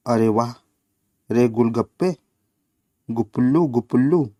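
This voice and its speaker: A man's voice: medium pitch, takes it slowly, mellow, dry recording, studio quality. Man voicing a cheeky spoiled little boy. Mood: taunting. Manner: taunting, singsong.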